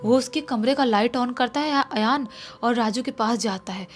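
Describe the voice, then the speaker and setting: A woman's voice: fairly high pitch, moderate pace, faint music behind. A woman telling a horror story in a casual, conversational way, with restarts and repetitions.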